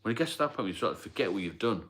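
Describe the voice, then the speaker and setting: A man's voice: on the low side, lively intonation, racing, fairly bright tone, a little hiss or hum. A man hosting a casual livestream, plain-spoken and rambling, answering viewer comments as he goes. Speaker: livestream host. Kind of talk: casual live-stream chat.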